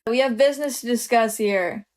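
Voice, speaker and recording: A woman's voice: fairly high pitch, normal speed, darkish tone, close to an everyday voice. A woman voicing a condescending young woman who owns a company and scolds her employee. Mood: scolding. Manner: curt, scolding, superior.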